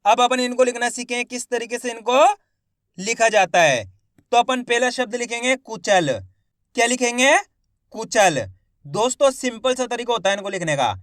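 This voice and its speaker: A man's voice: extremely high pitch, normal speed, a bit bright, no room sound, clean studio sound. A man teaching children's spelling, sounding out each word syllable by syllable and answering his own questions. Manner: drills each syllable, asks and answers himself. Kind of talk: slow spelling lesson, repeating words.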